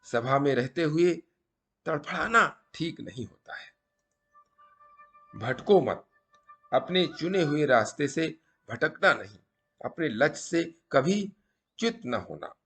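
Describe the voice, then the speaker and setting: A man voicing a calm, wise middle-aged holy man who counsels in a measured way, listing short rhyming rules of conduct. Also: on the high side, husky, soft background music, voice pushed up, heavily acted. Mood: instructive.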